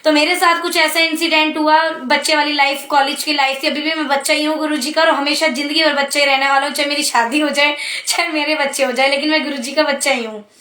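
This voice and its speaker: A young woman tells her devotional story to a gathered congregation in a high, ringing voice. Her tone is earnest and heartfelt, and her words tend to tumble out quickly. The sound is caught in an echoey room. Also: steady tone, bright, forceful tone. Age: young adult. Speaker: devotee sharing testimony at a satsang. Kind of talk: devotional personal testimony.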